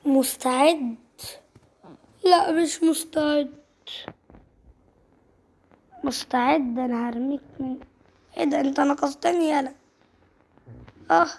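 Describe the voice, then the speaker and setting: High, gravelly Egyptian woman voicing game scenes. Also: moderate pace, long pauses. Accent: Egyptian Arabic. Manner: lively, repeats phrases over and over. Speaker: channel host voicing game characters. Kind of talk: casual game-movie role-play narration.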